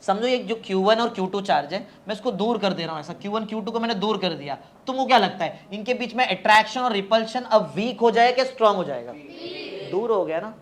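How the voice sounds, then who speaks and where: Male classroom tutor with a Marathi-region Indian accent, drilling definitions in slow, drawn-out chants. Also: high voice, lively intonation, a little hiss or hum. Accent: Indian, Marathi-region Hindi. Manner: coaxing students to repeat definitions aloud, drawn-out chanting. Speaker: teacher. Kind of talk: classroom physics lecture.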